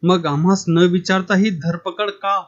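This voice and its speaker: A bold, indignant village official, voiced by a man in a storybook reading, pressing his case with force. His voice sits high. The recording is dull and lo-fi. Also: fairly even intonation, unhurried. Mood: defiant. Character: defiant middle-aged male village official.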